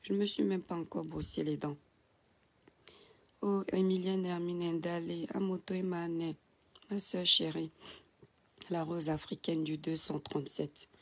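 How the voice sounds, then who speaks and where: Woman, creaky morning voice, affectionate live-stream host reading viewer names into her phone. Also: on the low side, steady tone, a little slow, pauses often. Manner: affectionate, calls viewers "my star", reads names with hesitant fillers. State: just woken up. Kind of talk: casual audio-only live chat, reading out viewer comments. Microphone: phone, audio only.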